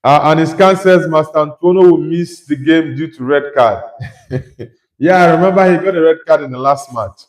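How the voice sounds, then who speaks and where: A young Nigerian man hosts a casual football livestream, reading viewers' comments aloud and replying with his own opinions in a chatty way. His voice is fairly high and moves at a normal speed. The recording sounds roomy and rough.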